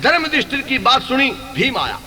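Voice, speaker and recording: A man's voice: very high-pitched, big pitch swings, moderate pace, big-room sound. A man with a Haryanvi accent, a folk comedian and preacher, telling rustic jokes and sermon-like asides in dialect on stage.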